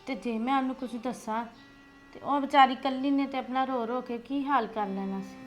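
A long-suffering elder sister-in-law, played by a woman, speaks softly and with resignation. Her voice sits a little high. Faint music plays underneath. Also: steady tone, moderate pace, natural voice. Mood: resigned. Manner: soft, resigned.

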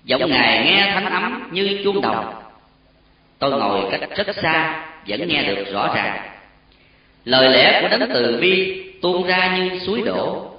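A man narrating a solemn story with an expressive, emotional delivery. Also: on the high side, unhurried. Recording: very echoey, distant, dull lo-fi sound.

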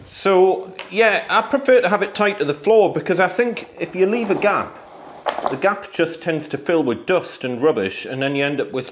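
A man's voice: on the high side, slight background noise. A man in his thirties, a handyman, chatting through a DIY tutorial and thinking aloud as he tidies a room under renovation. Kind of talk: DIY tutorial walk and talk.

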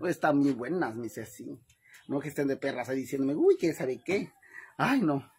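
A man's voice: mid-range voice, expressive, moderate pace, a little mellow. Campy, playful Mexican man cooking. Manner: campy, playful, calls viewers sisters, laughs often. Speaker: vlogger cooking on camera. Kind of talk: casual live cooking chat.

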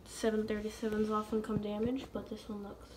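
A woman giving a casual unboxing review of a scale model, filmed on a phone, hesitant with many ums and pauses. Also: mid-range voice, monotone, noisy background. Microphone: phone camera.

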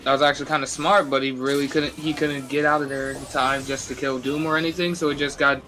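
A man's voice: mid-range voice, little pitch movement, fast, sharp tone, slight background noise, rough recording. A man giving casual live play-by-play commentary on a fighting game. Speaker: esports match commentator.

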